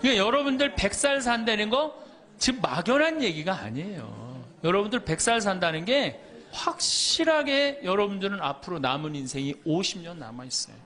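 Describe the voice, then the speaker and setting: Lively, joking priest giving a talk. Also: male voice, high voice, a little fast. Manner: lively, joking, quotes people in little voices. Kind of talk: humorous lecture.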